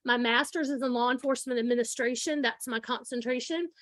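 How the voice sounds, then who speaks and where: Slightly high, bright, and a touch quick, this forties-aged forensic science guest lecturer talks informally to a student audience. She projects unamplified in a room, and the recording has no room sound.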